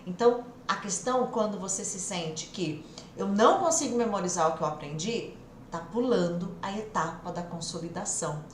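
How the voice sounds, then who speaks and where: A Brazilian woman teaching a live English lesson, drilling phrases over and over in a lively, repetitive way. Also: mid-range voice, moderate pace, echoey room, a little hiss or hum. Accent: Brazilian Portuguese.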